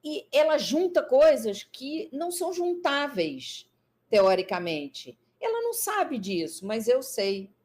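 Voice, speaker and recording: A woman's voice: high voice, sing-song, slow, a little mellow. A woman, a psychologist in a live interview, explaining her ideas thoughtfully with frequent fillers.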